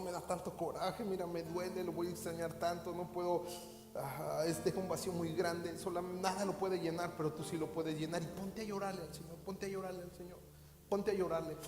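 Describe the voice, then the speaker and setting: Mexican pastor preaching in echoey hall. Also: male voice, a little high, a little mellow. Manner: impassioned preaching with repetition and direct questions. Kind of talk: sermon. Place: church hall. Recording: echoey hall with faint music.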